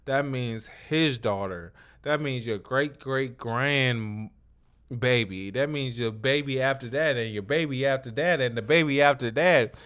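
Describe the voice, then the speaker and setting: Unhurried and medium in pitch, the man's voice has a clean, fairly bright tone. He's hosting a laid-back interview, repeating himself emphatically and swearing freely in street slang.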